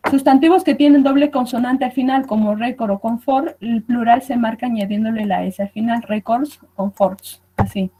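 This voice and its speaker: A woman's voice: fairly high pitch, moderate pace, few pauses, dark tone, slight background noise, rough recording. A woman teacher gives a recorded online lesson, explaining patiently and checking in with her students as she goes. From Peru.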